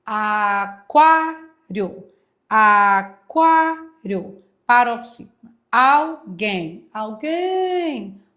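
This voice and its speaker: Woman teacher going over exam answers, higher-pitched, emphatic, drags out key words slowly. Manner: asks and answers her own questions. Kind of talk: exam walkthrough lesson.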